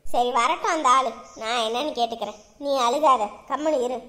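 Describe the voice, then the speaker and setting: A woman playing a calm, protective older sister who reassures her sibling firmly in a family drama. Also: sits high, normal speed.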